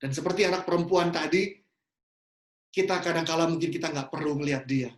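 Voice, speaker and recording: A man's voice: on the high side, brisk. A man preaching a sermon in an earnest way, often dropping English phrases into his talk. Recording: roomy echo.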